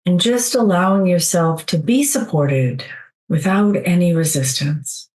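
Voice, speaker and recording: A woman's fairly low voice, captured in a low-quality recording, leads a guided meditation. Her delivery is calm, gentle and slow, with long silences between phrases.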